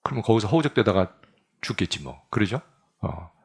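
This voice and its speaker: A middle-aged man preaching a sermon as a pastor, telling stories and acting out quoted voices, at times shouting lines. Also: fairly low pitch, sing-song, brisk, gravelly, breathy edge.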